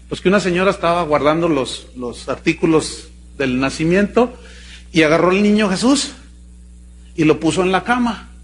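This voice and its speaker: A man from Mexico with a Jalisco accent, a pastor preaching a sermon in an animated, joking way, full of rhetorical questions. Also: fairly high pitch. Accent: Mexican Spanish, Jalisco. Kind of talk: sermon with storytelling.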